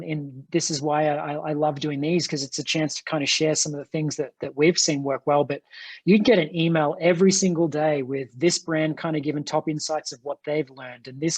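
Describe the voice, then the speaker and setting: A man's voice: on the high side, a little mellow, husky, no echo. Earnest man talking on a dry video call. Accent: non-American English. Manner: earnest, enthusiastic, repeats words as he restarts. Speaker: franchise company executive, guest. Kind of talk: conversational interview answers.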